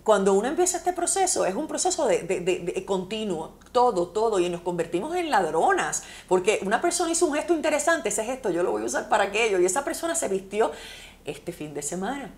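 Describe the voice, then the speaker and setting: Puerto Rican woman author, middle-pitched voice, vivid heartfelt storyteller in an interview. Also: very animated, a little fast.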